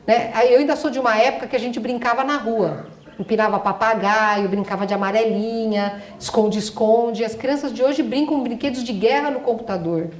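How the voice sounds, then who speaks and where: Fairly quick and on the high side, the voice belongs to a middle-aged woman doctor giving a spiritual lecture. She speaks emphatically and poses rhetorical questions, with the hall adding echo.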